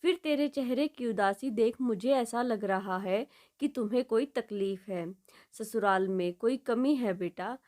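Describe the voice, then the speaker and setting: A loving middle-aged mother in a spoken storybook, gentle and coaxing, her tone soft and soothing, voiced by a woman narrator. the voice sits a little high. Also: unhurried, natural voice. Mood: tender.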